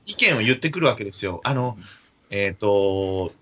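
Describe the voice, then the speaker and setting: A man telling an animated story in casual chat, acting out the quotes of the people in it. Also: fairly low pitch, normal speed. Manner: animated anecdote with acted-out quotes. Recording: dull lo-fi recording.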